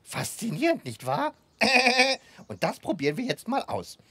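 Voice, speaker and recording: Fussy, husky puppet man, swooping pitch. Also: wildly swooping pitch, measured pace, bright, forceful tone, no room sound, heavily acted. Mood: eager, proud. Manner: eager explaining, stammers when flustered, chuckles to himself. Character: earnest, fussy puppet man, proud amateur experimenter. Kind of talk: children's puppet show dialogue.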